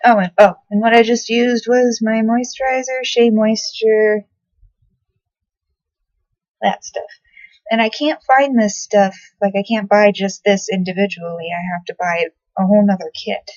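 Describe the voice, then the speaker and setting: Speaking a little slowly, a young woman with a mid-range, darkish voice and fairly even intonation chats through her bedroom skincare and makeup routine. The beauty vlogger rambles and swears offhandedly. Dull, dry audio from a laptop's built-in mic, no echo.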